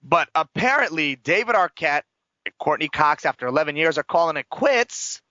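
High, animated man hosting chatty radio. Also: normal speed, no echo, dull audio. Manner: chatty, emphatic, gossipy, folksy slang. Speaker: talk show host. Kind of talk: casual radio entertainment chat.

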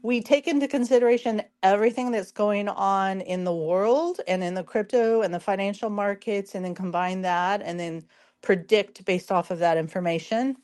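A woman with a hoarse, strained voice hosts a casual market commentary, explaining things informally and speaking straight to her listeners. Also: mid-range voice, normal speed, a little mellow. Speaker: show host.

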